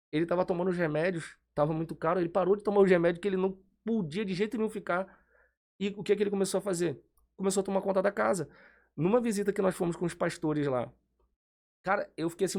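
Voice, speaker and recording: A man's voice: high voice, fast talker, vocal fry, a little mellow. A man who is a church guest, telling a testimony in a fervent, emphatic way. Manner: fervent, emphatic preaching turns. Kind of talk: casual testimony chat.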